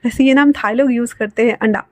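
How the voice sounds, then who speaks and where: A woman's voice: on the high side, steady tone, quick pace, dry recording, lightly acted. A woman voicing a giggly young man who teases his friends. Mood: teasing. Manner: teasing, giggling.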